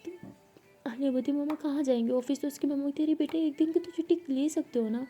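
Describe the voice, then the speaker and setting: A woman's voice: sits high, steady tone, brisk, mellow, faint music behind. A young woman casually telling a love story aloud, voicing the characters' dialogue herself with small shifts.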